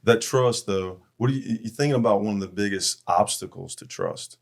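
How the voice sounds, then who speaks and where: A man's voice: lowish voice, normal speed, vocal fry. A middle-aged man hosting a church men's podcast, telling stories in an earnest, heartfelt way. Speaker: podcast host.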